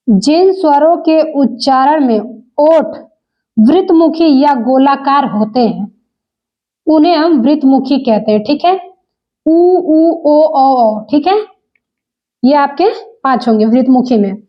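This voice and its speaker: A woman teaches an exam-prep lesson in a high voice, taking her time. She repeats each point and keeps addressing the viewers as friends. The recording sounds dull and lo-fi. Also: animated, slow, long pauses.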